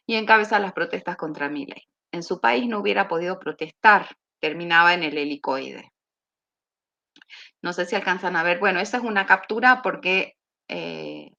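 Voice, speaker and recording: A woman's voice: on the low side, vocal fry. Argentine woman lecturing over a call. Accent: Argentine Spanish. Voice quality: steady, explanatory, with thinking pauses. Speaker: university lecturer. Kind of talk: online seminar lecture. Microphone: video call. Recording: dull lo-fi video call audio.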